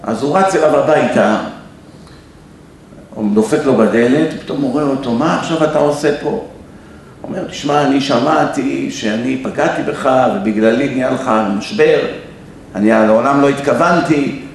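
Impassioned preaching man in echoey hall. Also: medium pitch. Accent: Israeli Hebrew. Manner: impassioned, repeats phrases, acts out dialogue. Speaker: rabbi. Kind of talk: ethical sermon with a story. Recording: very echoey hall, distant mic, faint noise.

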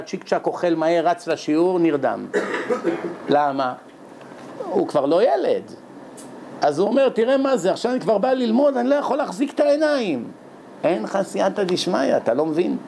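A man's voice: sits high, slight background noise. A man giving a religious lesson as a sermon, telling stories animatedly and acting out characters. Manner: animated storytelling, acts out characters. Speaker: religious teacher.

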